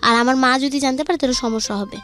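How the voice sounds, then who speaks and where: A young woman with a Bangladeshi accent talks at a quick pace in a high, slightly bright voice over music. She's a guest relating her life story, colloquially recounting the dialogue turn by turn.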